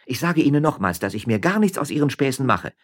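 A man's voice: mid-range voice, very animated, quick pace, pitched above the performer's own voice. A man voicing a proud, fiery young miller's wife who speaks firmly and indignantly.

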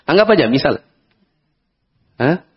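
Speaking unhurriedly with a fairly high, slightly rough voice and big pitch swings, a man with an Indonesian accent delivers a conversational Islamic study lecture. He asks the audience questions and acts out examples in this dull lo-fi recording.

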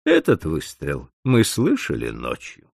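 A man's voice: extremely low pitch, wildly swooping pitch, a little slow, no echo, clean studio sound, full character voice. A man doing a grim, terse trading agent. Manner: gruff, terse.

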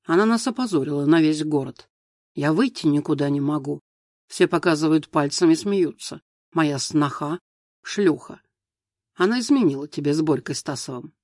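A bossy, scolding mother-in-law, as a male reader puts her on in an audiobook. She speaks slowly and harshly, hammering home every reproach. The voice sits fairly high for a man, with a dry, close sound. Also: a little mellow, dry recording, lightly acted. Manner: harsh, reproachful, slow and emphatic. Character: domineering, scolding middle-aged mother-in-law.

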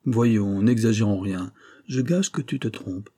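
Confident young wife, read by a man, chiding, insistent, low dark voice. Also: a little slow. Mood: soothing. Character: young married woman, assured, scolding, caring cousin.

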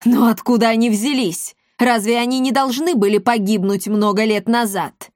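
A woman's voice: mid-range voice, moderate pace, no room sound, clean studio sound, close to an everyday voice. Brief: woman narrator doing a haughty villain emperor, menacing and scornful, storybook tale. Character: cruel haughty male emperor.

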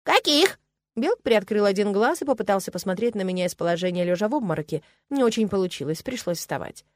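A woman narrating an audiobook in the first person, with a wry, expressive delivery. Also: medium pitch, fast talker, no echo, studio quality. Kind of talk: scripted narration.

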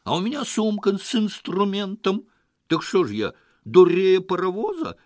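A man voicing a grumpy unshaven rural man who shouts in agitated, high-pitched outbursts. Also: very animated, takes it slowly, no echo, clean studio sound. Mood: angry shouting.

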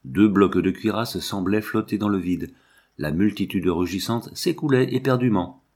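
Low-voiced male audiobook narrator. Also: normal speed, darkish tone, breathy edge. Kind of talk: scripted novel narration.

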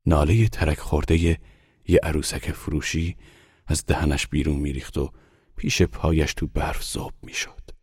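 A man reading a literary short story aloud in slow, measured audiobook narration. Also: extremely low pitch, steady tone, a little mellow, breathy edge, no room sound, clean studio sound.

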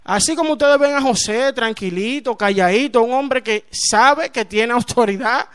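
A man's voice: very high-pitched, moderate pace, a bit bright, clear, resonant tone. A man preaching a fervent sermon in a church, breaking into praise interjections and acting out dialogue. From Dominican Republic.

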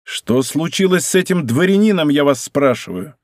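A man's voice: a little high, animated, moderate pace, dry recording, studio quality, close to an everyday voice. A man voicing a hot-tempered young nobleman who speaks sternly and threateningly.

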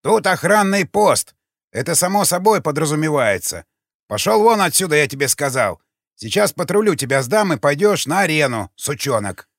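A crotchety old sentry barks and swears at an intruder, as a male audiobook narrator puts him on. The voice is pushed higher and louder, with a bouncy, animated swing. It sounds close and dry, with quiet music underneath. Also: normal speed, gravelly, husky, dry recording, full character voice. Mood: cantankerous shouting. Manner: shouting, cursing, indignant. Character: grumpy half-deaf old male sentry.

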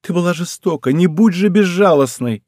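A man reading an audiobook, voicing a timid young girl who speaks softly and pleads. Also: sits high, big pitch swings, extremely slow, no room sound, clean studio sound, pitched above the performer's own voice, full character voice. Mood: pleading. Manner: soft, pleading, hushed. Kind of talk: audiobook character voice.

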